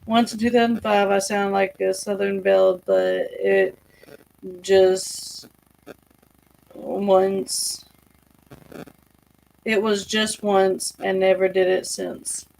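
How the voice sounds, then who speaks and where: Croaky woman reading live-chat comments. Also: medium pitch, level tone, takes it slowly, long pauses, darkish tone, low-quality recording.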